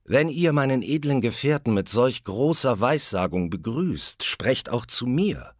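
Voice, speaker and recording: Loyal companion knight, husky, slow and earnest; male narrator. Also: mid-range voice, expressive, no echo, clean studio sound, pitched above the performer's own voice. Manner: hushed wonder, then earnest demand. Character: Benko, loyal noble companion, wary.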